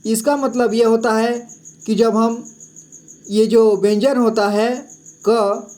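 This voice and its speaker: A man's voice: high-pitched, level tone, slow, darkish tone. A man teaching Hindi syllables in a patient classroom style. He repeats each sound and checks in often. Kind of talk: slow classroom-style explanation.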